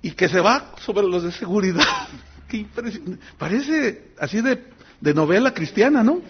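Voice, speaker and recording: A man preaching a sermon as pastor, telling stories with lively acted quotes. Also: high voice, moderate pace, muffled recording, background noise.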